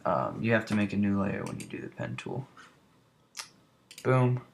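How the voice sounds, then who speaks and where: Casting: young male tutorial maker, gravelly low voice, rambling and mumbly, with keyboard clicks and faint hiss behind him. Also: big pitch swings, moderate pace. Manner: rambling, mutters under breath while working. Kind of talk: casual screen-recorded tutorial.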